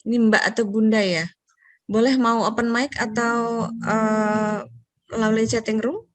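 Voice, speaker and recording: A woman's voice: on the high side, flat delivery, unhurried, dry recording. Polite woman moderating an online Q&A. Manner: polite, reads out questions, filler-heavy.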